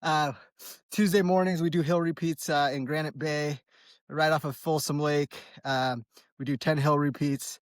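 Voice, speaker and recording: Out on a trail run, this early-forties American vlogger talks casually and wanders from topic to topic with relaxed slang. He has a fairly high voice with fairly even intonation and normal speed, captured in a dry, clean studio sound.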